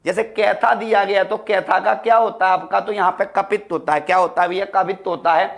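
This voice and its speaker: A man's voice: high-pitched, steady tone, a little fast, vocal fry. A male Hindi teacher running an exam prep lesson, who keeps asking his students questions and answering them himself. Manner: calls students "beta" and "ladlo", asks and answers own questions.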